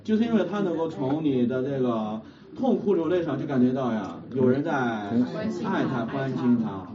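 A man's voice: mid-range voice, animated, normal speed, a crowd in the background. A man preaching a sermon in a church hall, constantly putting questions to the congregation and often laughing as he speaks. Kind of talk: sermon with call-and-response. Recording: muffled, distant, noisy room recording.

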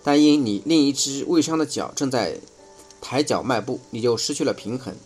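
A man reading a first-person nonfiction book aloud in a measured, explanatory way. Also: mid-range voice, a little mellow, soft background music. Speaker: audiobook reader.

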